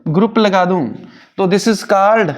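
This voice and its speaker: A man's voice: high-pitched, slow pace, slight background noise. A male chemistry teacher, explaining step by step and asking and answering his own questions. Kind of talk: Hindi-English chemistry lecture.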